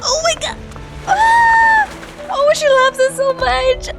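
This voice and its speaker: A woman game streamer reacts live, gushing and exclamatory and deeply invested emotionally. Her very high-pitched voice is animated yet slow-paced, with game music playing in the background.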